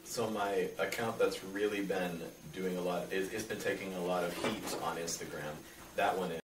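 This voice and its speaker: A young man with a low voice answers questions in casual, rambling speech, often hesitating as he explains. He is recorded at a distance in an echoey room with faint noise. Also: fairly even intonation, moderate pace. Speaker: interviewee.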